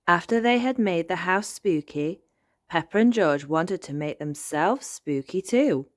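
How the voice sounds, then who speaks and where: A woman hosting a channel, reading a children's storybook aloud in a gentle, clear, expressive way. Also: lowish voice, a little slow.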